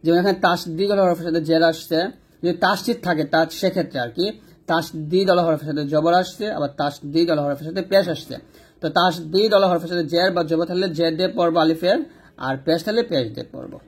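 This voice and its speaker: A man teaching Quran reading, slowly repeating letter sounds for drilling. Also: fairly high pitch, slightly rough. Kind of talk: step-by-step recitation lesson.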